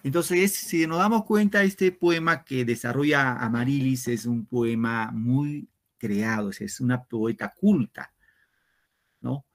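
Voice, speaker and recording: Slow-speaking male teacher. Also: medium pitch. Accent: Peruvian Spanish. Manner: slow, explains step by step to students. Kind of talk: online class lesson. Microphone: computer mic on a video lesson.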